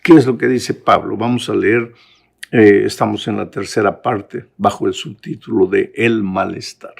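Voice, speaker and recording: Gravelly-voiced man preaching with passion. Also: lowish voice, steady tone, normal speed. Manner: impassioned preaching, rising to emphatic peaks. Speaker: pastor. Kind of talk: sermon-style Bible lesson. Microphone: close mic, recorded for a lesson.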